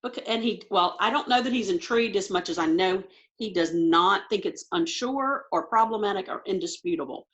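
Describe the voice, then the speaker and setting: A woman teacher talking quickly and thinking aloud as she walks through test questions on a video call. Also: medium pitch, fairly bright tone, muffled recording. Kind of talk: recorded online lesson.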